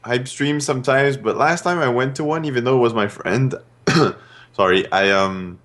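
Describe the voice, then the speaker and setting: A young man in casual podcast chat, laid-back and hesitant, often pausing with "uh" and "um". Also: mid-range voice, fairly bright tone.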